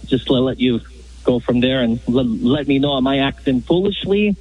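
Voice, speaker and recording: A radio show caller on a dull, lo-fi phone line, a man with a husky voice. He talks in a halting, earnest way, starting over again and again as he asks for advice. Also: mid-range voice, animated. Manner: halting, earnest, many restarts. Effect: call-in phone line. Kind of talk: casual phone chat asking advice.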